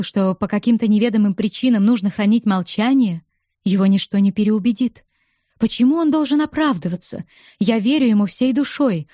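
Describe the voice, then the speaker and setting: A woman reading the part of a distraught, loyal young woman who pleads and protests, in a mellow, dark voice. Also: on the high side, no echo, studio quality, lightly acted. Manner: pleading, emotional.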